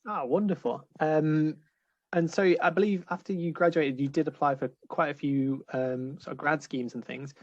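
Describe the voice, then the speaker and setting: A man hosting a student union interview over a video call, friendly, with many pauses and restarts. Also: fairly high pitch, fairly even intonation, no echo. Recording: slightly muffled call audio.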